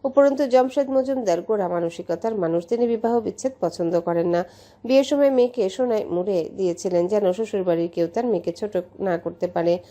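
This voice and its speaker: A woman from Bangladesh narrating a romance story in a steady, measured way. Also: mid-range voice. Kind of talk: audiobook story reading.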